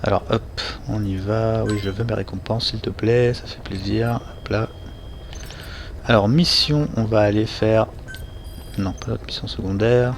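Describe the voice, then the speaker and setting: A man's voice: lowish voice, fairly even intonation, measured pace, slight background noise. A man hosting a let's play, giving chatty, self-mocking gameplay commentary.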